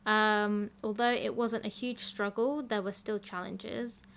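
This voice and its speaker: A woman's voice: medium pitch, fairly even intonation, a little slow, creaky, fairly bright tone. A young woman co-hosting a podcast, easygoing and a little apologetic in casual chat. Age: young adult. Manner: apologetic, easygoing, reads listener email aloud. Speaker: podcast co-host.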